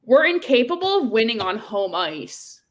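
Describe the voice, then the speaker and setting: A young woman co-hosting a casual hockey livestream, joking and chatty, with a voice that is going hoarse. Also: on the high side, sing-song, normal speed, fairly bright tone. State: losing her voice. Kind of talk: casual live chat.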